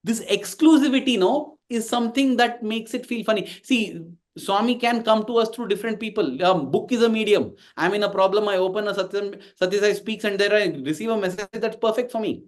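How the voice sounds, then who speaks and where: A man's voice: high voice, fairly quick. A man in his forties with an Indian English accent, giving an emphatic devotional talk to a congregation and acting out the dialogue in his stories. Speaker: invited speaker at a devotional gathering.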